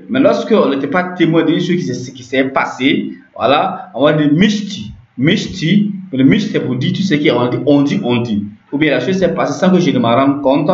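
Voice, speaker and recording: A man walks through a grammar lesson, repeating each term and pausing to check that his listeners follow. His voice sits at an ordinary middle pitch. The recording is roomy and echoey, with a dull, lo-fi tone. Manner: repetitive, checks understanding with frequent "ok". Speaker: language teacher.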